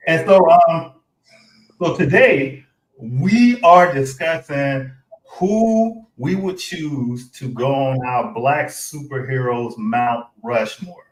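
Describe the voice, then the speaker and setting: A man's voice: mid-range voice, expressive, slow pace. A man hosting a casual podcast chat, laid-back and often restarting his words. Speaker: podcast host. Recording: roomy echo.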